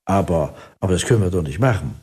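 A timid young doctor objects, haltingly and earnestly, as a man reads his part. The voice is low and husky, mellow in colour. It is an audiobook reading. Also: lively intonation, full character voice. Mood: protesting. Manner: hesitant, protesting.

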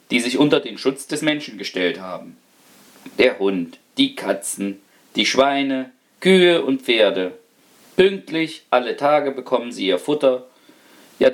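A man's voice: medium pitch, natural voice. A sly old rat pleads its case with exaggerated politeness and self-pity, as a male storyteller puts it on. Its tone is mannerly and falsely solemn, the voice of a fable creature.

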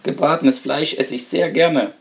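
A man's voice: mid-range voice, animated, a little slow, lightly acted. A sly old rat pleads its case with exaggerated politeness and self-pity, as a male storyteller puts it on. Its tone is mannerly and falsely solemn, the voice of a fable creature. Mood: polite.

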